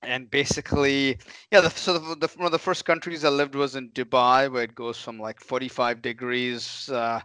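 A middle-aged man from India co-hosting a podcast, rambling with lots of filler pauses. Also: medium pitch, fairly even intonation, bright, forceful tone, clean tone, dry recording. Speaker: podcast co-host. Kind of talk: casual podcast chat.

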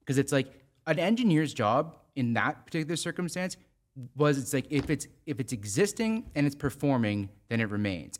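A Canadian man, a general contractor, ranting in a casual podcast chat and swearing freely. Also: medium pitch. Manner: swears a lot, heated ranting.

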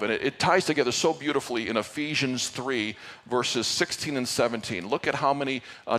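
A man's voice: medium pitch, a bit bright, in a large hall. A male pastor giving an earnest Sunday sermon to his church, with playful asides. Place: church sanctuary.

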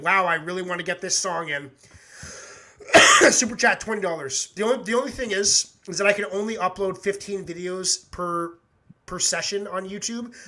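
A man's voice: sits high, sharp tone. A man hosting a live music reaction stream, chatting casually in a rambling, laid-back way and swearing constantly. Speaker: podcast host reacting to music.

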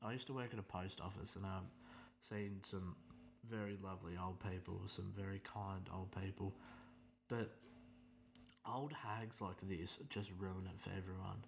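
A man's voice: low voice, steady tone, moderate pace, vocal fry, slight background noise. A young Australian man telling a story in a casual rant, exasperated and sarcastic, swearing freely.

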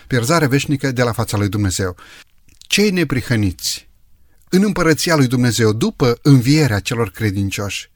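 A male host of a religious talk show, asking his questions in a reflective way and pausing to think. His voice sits in a middle register and is recorded dry and close. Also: medium pitch, animated, dry recording. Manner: reflective, thinking aloud with pauses. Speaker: interviewer.

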